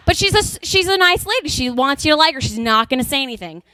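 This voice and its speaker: A young woman from Texas doing a stand-up comedy routine, telling animated stories and slipping into character voices. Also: high voice, fast.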